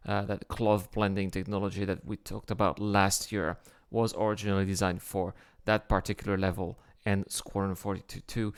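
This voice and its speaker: A man's voice: fairly low pitch, clean tone. A tired man hosting a late-night livestream, chatting casually and talking straight to his viewers. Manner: chatty, addresses the viewers directly. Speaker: livestream host.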